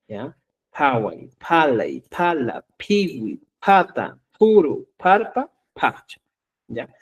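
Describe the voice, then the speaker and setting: Lively man teaching. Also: fairly high pitch. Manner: lively, repeats "¿ya?" to check understanding. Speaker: Quechua teacher. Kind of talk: live online language class.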